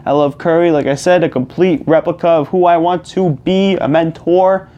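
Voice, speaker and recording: A young man rambles through a casual rant on his own channel, often restarting and circling back to the same points. His voice sits a little high for a man and comes through smooth and clear on a personal mic. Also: fairly even intonation, normal speed, mellow, lo-fi sound. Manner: rambling, restarts and repeats himself. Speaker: gaming channel host. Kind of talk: casual ranting monologue.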